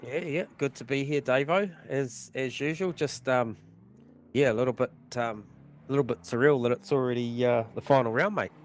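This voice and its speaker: A man co-commentating a sim racing event in a relaxed, chatty way full of fillers. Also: medium pitch, normal speed, a little hiss or hum. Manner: relaxed, lots of fillers and mate. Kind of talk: casual commentary chat.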